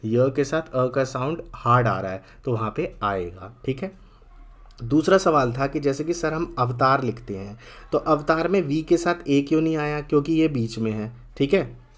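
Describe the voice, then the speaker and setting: A man teaching as a patient tutor, repeating words slowly to stress their sounds. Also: medium pitch. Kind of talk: explanatory lesson.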